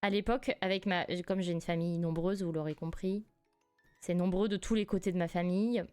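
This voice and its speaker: A young woman from France in her twenties, streaming live and telling a family story in a casual, animated way, laughing often. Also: on the low side, brisk, clean tone, faint music behind. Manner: animated, laughs often, rises sharply when indignant.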